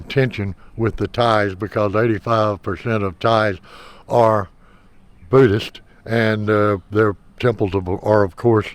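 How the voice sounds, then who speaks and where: A man with a fairly low voice narrates as a vlog host. He explains things plainly, now and then pausing or repeating a word as he searches for the next. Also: dry recording.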